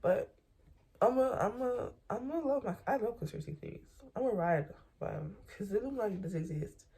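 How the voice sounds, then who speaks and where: Young vlogger, mellow tone, loose rambling late-night monologue from bed, lots of slang and repeats. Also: mid-range voice, lively intonation, brisk, breathy edge.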